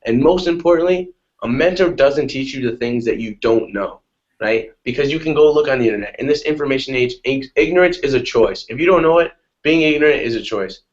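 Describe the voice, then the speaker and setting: A man in a casual motivational talk on a webinar call, energetic and repetitive, often asking "right?". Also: mid-range voice, a little fast. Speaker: guest on a webinar. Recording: dull lo-fi webinar audio.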